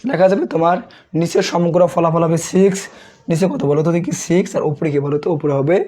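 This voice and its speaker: A young male tutor from Bangladesh teaches a revision math class with a sore throat. His voice is husky and dark, and he talks fast, firing questions at his students and answering them himself. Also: fairly high pitch.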